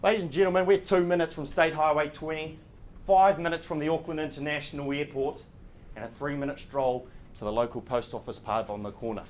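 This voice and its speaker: New man auctioneer, higher-pitched voice. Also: fairly even intonation, a little fast. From New Zealand. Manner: polished, courteous public speaking. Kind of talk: auctioneer's patter, formal property auction presentation. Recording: clear background room noise.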